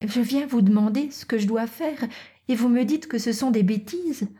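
A woman's voice: on the high side, a little slow, mellow, breathy edge, pitched above the performer's own voice. A woman voicing an eager young girl talking to her mother, in a raised girlish voice for a storybook reading. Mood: indignant. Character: excited young girl, indignant daughter.

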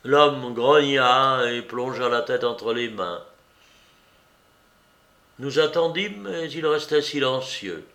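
A man narrating a classic detective story as an audiobook reader, in slow, deliberate scripted narration. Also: medium pitch, animated, bright, forceful tone, echoey room.

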